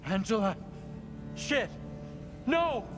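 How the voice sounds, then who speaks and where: An uneasy, doubting man in a horror game. His pitch moves around a lot, and music plays clearly behind him. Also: big pitch swings, drawn-out words, exaggerated voice. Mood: panicked. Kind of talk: cinematic video game acting.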